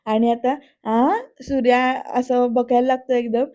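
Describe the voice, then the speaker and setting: A woman's voice: fairly high pitch, flat delivery, measured pace, mellow, muffled recording. A woman narrating a chatty voice-over recap of a TV serial, addressing viewers directly.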